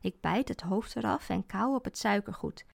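A woman narrating a first-person story, expressive and dryly funny. Her voice is heavily gravelly with constant vocal fry, at a middle pitch. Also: moderate pace.

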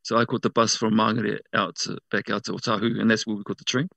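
A man from South Auckland with a New Zealand accent, telling personal stories casually as an interview guest, often halting and correcting himself. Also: fairly low pitch, level tone, vocal fry, fairly bright tone, dry recording. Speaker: interview guest working in media.

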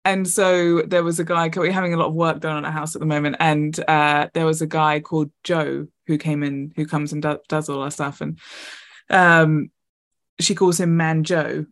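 A woman co-hosting a podcast in casual chat, talking in quick asides and laughing often. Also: sits low, level tone. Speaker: podcast co-host.

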